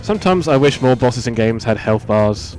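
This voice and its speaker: A man giving casual, chatty gameplay commentary, getting excited and swearing now and then. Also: medium pitch, normal speed, faint music behind. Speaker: let's play commentator.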